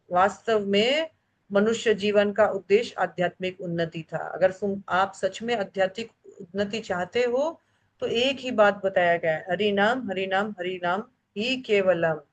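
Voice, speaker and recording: Leading a devotional scripture class, this woman speaks in a mid-range voice at a measured pace. She hammers her points by repeating key phrases three times and slips English words into her talk.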